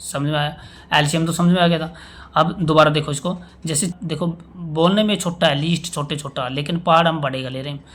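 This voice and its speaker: Male maths teacher, patient step-by-step explainer, a touch higher pitched. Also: steady tone, a little fast, a bit bright. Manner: explains step by step, often asks "samajh mein aaya?"; checks in with "theek hai" and recites times tables aloud. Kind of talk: classroom maths lesson.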